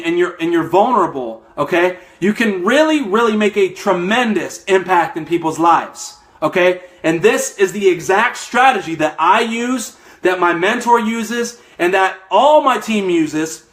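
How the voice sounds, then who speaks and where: On a motivational live stream, a young man coaching network marketing speaks in a fired-up, emphatic way, a bit out of breath, often ending lines with "okay?". His voice is high-pitched and fairly bright.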